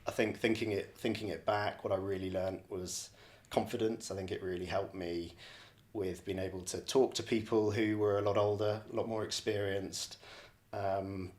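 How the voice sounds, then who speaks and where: Here a man from the borders of Scotland, a real estate director, offers a reflective podcast answer in a relaxed manner. Hesitant, he repeats and rephrases himself often. His voice is fairly low and a little mellow, with a level tone at normal speed.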